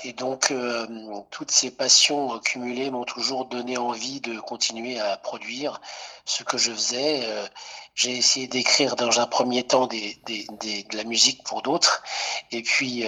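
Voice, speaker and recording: A man's voice: medium pitch, sharp tone, slightly rough, rough recording. A middle-aged man from Italy, a singer-songwriter guest on a radio interview, speaking hesitantly with many fillers and restarts.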